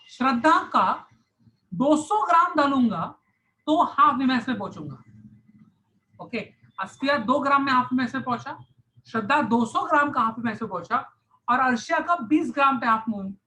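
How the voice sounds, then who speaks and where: Male science tutor, online lecture, bright and crisp tone, repetitive step-by-step explaining. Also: extremely high pitch, low-quality recording. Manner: repeats key phrases, mixes English terms into Hindi. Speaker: science teacher.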